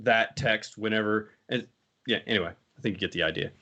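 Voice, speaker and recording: A man's voice: lowish voice, brisk, pushed and bright. A man hosting a casual tech talk show, rambling and often correcting himself as he chats. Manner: rambling, self-correcting, laughs easily. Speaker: show host.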